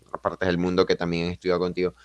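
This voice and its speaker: A Venezuelan man with a fairly low voice hosts a casual podcast conversation. He muses aloud, reflective and chatty, with touches of self-deprecating humor. The sound is close and dry, with no room around it. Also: completely flat delivery, rapid-fire, smooth, dry recording. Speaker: podcast host. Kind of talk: casual interview chat.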